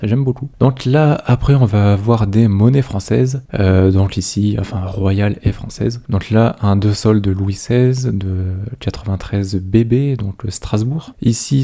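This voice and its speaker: Man, low voice, warm and mellow, casual hesitant commentary, lots of fillers. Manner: hesitant, many fillers, thinks aloud. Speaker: coin collecting video host. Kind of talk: casual commentary over coin photos.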